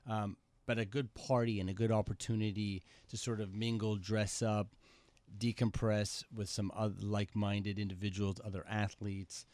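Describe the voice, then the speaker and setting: A man's voice: fairly low pitch, flat delivery, moderate pace, a little mellow, dry recording. A man hosting a radio interview, asking long rambling questions. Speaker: radio show host. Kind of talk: casual interview talk. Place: radio studio. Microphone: studio mic.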